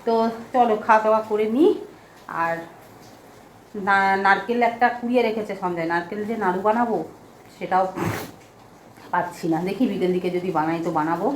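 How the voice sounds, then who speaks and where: A middle-aged woman chatting casually and softly through a home vlog, talking while she goes about her day with a cold. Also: mid-range voice, a little hiss or hum. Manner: chatty, homely, speaks softly. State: has a cold. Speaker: vlogger. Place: at home indoors.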